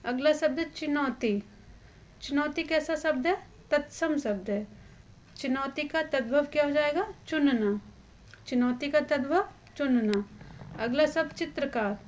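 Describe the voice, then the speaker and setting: A woman's voice: sits high, a little slow, a little hiss or hum. A woman teaching a grammar lesson for exam students. She asks a question and then answers it herself, and she points out which words matter for the exam. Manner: stresses the exam-important words.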